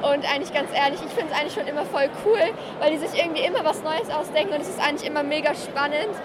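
A woman's voice: high voice, quick pace, heavy background noise. A young woman, a visitor at an event, chatting casually in a street-style interview with lots of slang and fillers. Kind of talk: casual vox-pop interview. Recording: loud crowd, busy venue.

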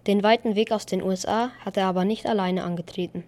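A woman presenting a scripted school news segment in a lively, playful way. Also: medium pitch, quick pace.

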